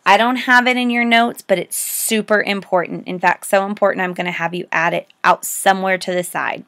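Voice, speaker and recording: An American woman with a mid-pitched voice speaks as a teacher giving a recorded lesson. She dictates notes to students, stressing and repeating key terms. Her delivery is informal and emphatic, with questions she answers herself. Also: fairly even intonation, fairly quick, a bit bright, no echo. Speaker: history teacher.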